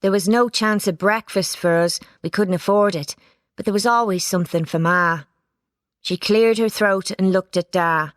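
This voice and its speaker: A woman reading a children's storybook aloud, giving it lively expression. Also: medium pitch, moderate pace, no echo, clean studio sound. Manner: lively character voices, plain narration. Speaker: audiobook reader. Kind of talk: storybook narration.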